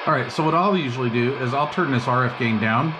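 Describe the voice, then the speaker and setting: This man's mid-range voice moves fast as he casually rambles in slang, unscripted, while bench-testing radio gear, an old CB set he's demonstrating as a hobbyist host. Static, hiss, and chatter from the CB receiver make the recording noisy.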